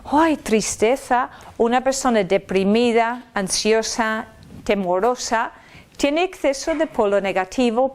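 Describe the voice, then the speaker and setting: A woman giving a live spiritual self-help talk, chatty and lively, checking in with her listeners and throwing in playful sound effects. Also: on the high side, a little hiss or hum. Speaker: speaker at a personal-growth talk. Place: lecture room with a live audience.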